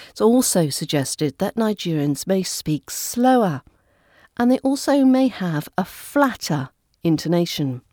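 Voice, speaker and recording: A woman delivers a scripted lesson as a coach, her voice low and mellow. She speaks clearly and deliberately, each sound placed with care. The close, dry recording leaves no room echo. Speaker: accent coach. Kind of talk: scripted teaching narration.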